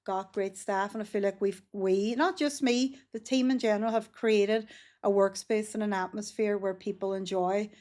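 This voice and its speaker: A woman's voice: medium pitch, steady tone, moderate pace, a little mellow. A woman, a business founder talking frankly in a casual interview. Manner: frank and earnest, with frequent 'um' and restarts. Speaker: business founder, podcast guest.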